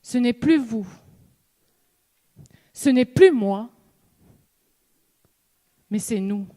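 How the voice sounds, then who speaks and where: A young student from New Caledonia speaks in an eloquence contest, her delivery slow and measured with long dramatic pauses. Her voice sits high but sounds mellow and dark. She builds with rhetorical questions and repeated refrains. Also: animated. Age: young adult. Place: stage in a hall before an audience.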